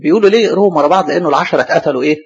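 A man with an Egyptian Arabic accent teaching a Bible study sermon, asking questions aloud and answering them himself, and slowly spelling out hard names. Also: fairly high pitch, slightly rough. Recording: dull lo-fi recording.

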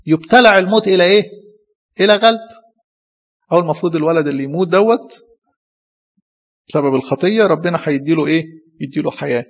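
A man with an Egyptian accent preaching a sermon. He asks his listeners questions, answers them himself, and quotes verses slowly and with weight. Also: a little high, creaky, husky. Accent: Egyptian Arabic. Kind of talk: sermon on scripture. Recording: dull, echoey hall recording.

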